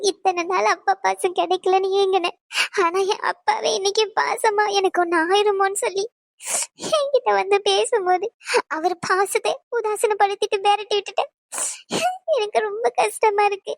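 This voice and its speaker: A woman voicing an indignant young bride in a cartoon, scolding in a sharp, rapid way. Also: very high-pitched, no room sound, clean studio sound. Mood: tearful. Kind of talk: cartoon voice acting.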